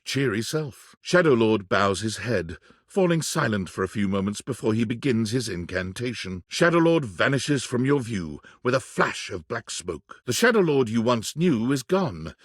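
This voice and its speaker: In a clean studio recording with no echo, a medium-pitched man narrates a supernatural video game in the second person. His scripted delivery is measured and theatrical.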